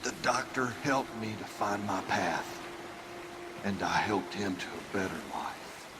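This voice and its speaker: A man playing a disturbed war veteran who speaks softly and with eerie calm in a video game. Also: lowish voice, a little slow. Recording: game audio with loud background noise.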